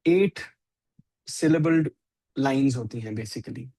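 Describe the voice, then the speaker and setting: A man's voice: mid-range voice, very slow, vocal fry, warm tone, no echo. A man with an Indian accent teaching a scripture class, mixing Hindi and English and often asking "right?".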